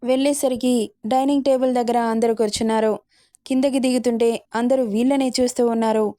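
Woman with a mellow storytelling voice. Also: fairly high pitch, fairly even intonation, brisk, no echo. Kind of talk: scripted story narration.

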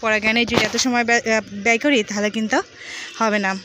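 Holding her phone behind the camera, a woman with a Bangladeshi accent vlogs from an urban rooftop garden, chatting to viewers quickly in a steady, high-ish voice. She repeats herself a bit while explaining, and the outdoor recording is noisy.

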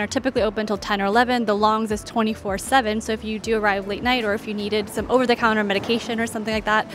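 A travel guide and vlog host with a mid-range voice narrates a walking tour. Her delivery is casual, conversational and informative, and she points things out in an orderly fashion.

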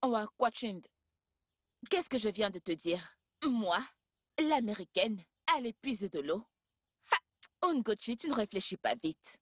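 Boastful young woman, playful, animated pitch, dry studio sound. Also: a little slow, long pauses, no room sound. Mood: teasing. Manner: teasing, show-off. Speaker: Amaka, young fiancée. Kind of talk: dubbed film acting.

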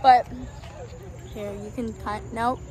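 A young woman with a high voice, talking slowly. She banters and jokes while touring her school for a vlog. It is captured on a phone with people chattering around her. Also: fairly even intonation, crowd noise. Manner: jokey, laughing asides. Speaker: graduating senior on a school tour. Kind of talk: casual vlog chat. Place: school campus, partly outdoors.

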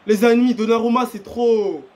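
A young man commentating his own football video game match, excitable and slangy, repeating himself and breaking into shouts and laughs. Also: extremely high pitch, moderate pace. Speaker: gaming YouTuber. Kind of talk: live gameplay commentary.

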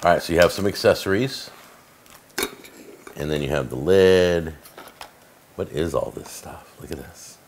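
A middle-aged man with a very deep voice runs a casual cooking show from his own kitchen. He chats eagerly through one gadget after another, filling the gaps with ums and uhs. A faint hiss sits under the recording. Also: measured pace, long pauses. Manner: chatty, enthusiastic, filler-heavy. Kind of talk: casual product demo. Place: home kitchen, indoors.

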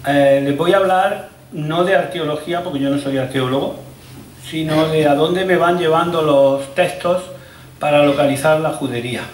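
A man's voice: on the high side, normal speed, a little hiss or hum. Man lecturing in an echoey room. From Córdoba, Spain. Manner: informal, emphatic, with asides and restarts. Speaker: guest lecturer. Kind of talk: museum lecture. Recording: echoey room, voice picked up from a distance.

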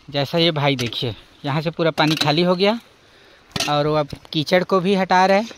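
High-voiced man narrating a stream walk. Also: a bit bright, slight background noise. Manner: explanatory, points things out to the viewer. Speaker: vlogger. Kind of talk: walking vlog narration. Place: outdoors at a rocky forest stream.

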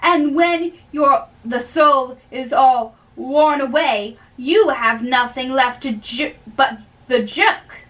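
A young amateur reader with a high, bright, forceful voice gives a dramatic reading of a modern-English play, slow and halting and stumbling over words. She's picked up by a distant camera mic from across a small bedroom.

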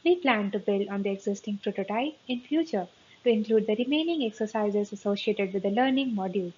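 A woman presenting research in a steady, scripted conference-talk narration, recorded close on a webcam mic. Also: mid-range voice, a little fast. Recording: slightly dull, faint hiss.

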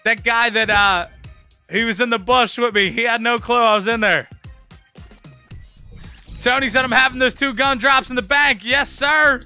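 A man streaming a game live, talking to his chat and friends in excited, hyped-up commentary. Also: very high voice, moderate pace, pauses often, clear, resonant tone, faint music behind.

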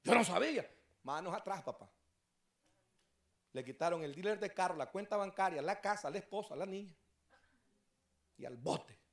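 A male pastor preaching an evangelistic sermon, telling stories and building up to shouted exhortations. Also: sits high, expressive, moderate pace, pauses often. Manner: storytelling preacher who rises to shouted exhortation. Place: church service.

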